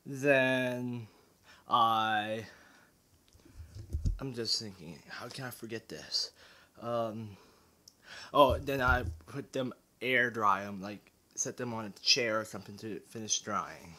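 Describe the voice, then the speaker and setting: In a casual vlog, a man with a lowish voice takes it slowly and keeps a steady tone, yet still sounds bright, forceful, and a little breathless. He wanders and hesitates, restarting sentences, recorded on a camera mic held in his hand.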